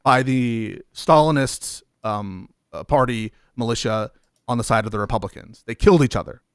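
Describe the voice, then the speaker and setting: A man hosting a heated debate argues and keeps cutting in with repeated calls of "wait." His medium-pitched voice is smooth and moderately paced, recorded at studio quality with no echo.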